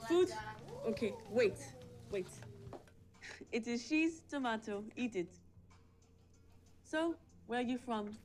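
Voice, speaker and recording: Film role: a chatty half-woman, high voice, unhurried broken English, music under. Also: animated, darkish tone. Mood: bossy. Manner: broken English mixed with French words. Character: chatty warm half-French woman abroad. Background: film score music.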